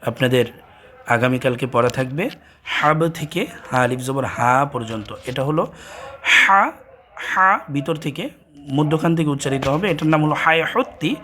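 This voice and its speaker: A man with a Bangladeshi accent teaching a Quran reading lesson, sounding out letter pairs slowly and repeating each drill. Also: mid-range voice, fairly bright tone, a little hiss or hum. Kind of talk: slow recitation lesson with drills.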